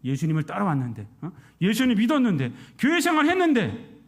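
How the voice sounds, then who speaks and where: A male pastor delivers a Sunday sermon in a high voice that leaps widely in pitch. He asks his congregation question after question. He drives key words loudly, then sinks to soft, low asides. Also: huge pitch swings, brisk. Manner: preaches with rhetorical questions to the congregation; swings between loud emphatic peaks and soft low asides.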